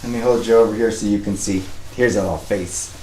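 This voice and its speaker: A man's voice: on the low side, fairly even intonation, quick pace, a little mellow, echoey room, a little hiss or hum. A man talking casually on a live stream, cooing over a puppy and rambling with fillers, a bit sniffly. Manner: coos and baby-talks to a puppy. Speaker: dog rescuer live-streaming.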